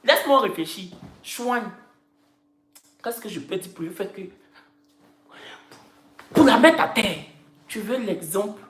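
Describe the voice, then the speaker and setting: A woman's voice: mid-range voice, animated, a little slow, long pauses. A woman chatting casually on a live stream, teasing and repeating her phrases in a playful, joking way. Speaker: social media personality. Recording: roomy echo.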